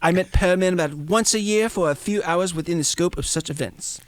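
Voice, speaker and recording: A man's voice: sits high, a little fast, dry recording, pitched above the performer's own voice, lightly acted. A man voicing a stiff older German businessman in a put-on heavy German accent, formal and clipped. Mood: guarded.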